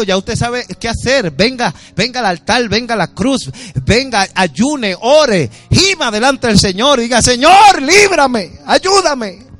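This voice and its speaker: A male pastor preaching a sermon, switching between loud, high exhortation and low, quiet asides, with scripture read aloud.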